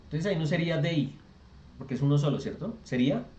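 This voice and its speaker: A man leads a virtual English lesson, his voice sitting slightly high. He explains grammar patiently, one step at a time, with frequent quick checks on his students. The call audio is roomy and muffled. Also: a little mellow, slight background noise. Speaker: English tutor. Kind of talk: online class explanation. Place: virtual classroom session. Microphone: video call. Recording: echoey lo-fi video call audio.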